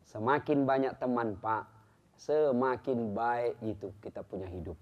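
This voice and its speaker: A man's voice: measured pace, highs cut off. A man from South Sulawesi, delivering a humorous sermon and acting out little dialogues. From South Sulawesi, Indonesia. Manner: animated, shifts between loud exclaiming and low confiding tones, acts out dialogue. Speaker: preacher.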